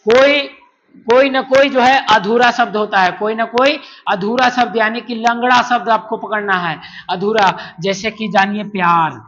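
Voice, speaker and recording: Speaking a little slowly in a high, steady, somewhat bright voice, a man leads a grammar lesson in classroom style, with slight background noise. He repeats syllables again and again, asking and answering his own questions, on a dull, lo-fi recording.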